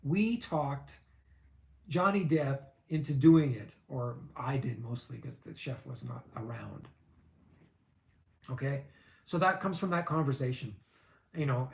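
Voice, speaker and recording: A man's voice: mid-range voice, vocal fry, roomy sound. A man in his fifties, a vlogger, telling a long personal story in a chatty, rambling way full of fillers and asides. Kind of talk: casual storytelling.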